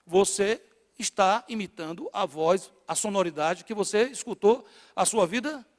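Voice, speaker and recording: A middle-aged man from northeastern Brazil with a Northeastern Brazilian accent, preaching to a congregation with rhetorical questions and swings between loud and hushed. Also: high-pitched, normal speed. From Natal, northeastern Brazil. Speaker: pastor. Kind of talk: sermon to a congregation. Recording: long hall reverb in a church.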